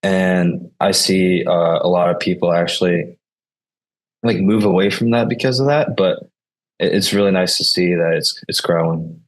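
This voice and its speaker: A man about twenty from South Korea, a college baseball player answering interview questions in a soft, hesitant way with many uhs. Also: deep voice, normal speed.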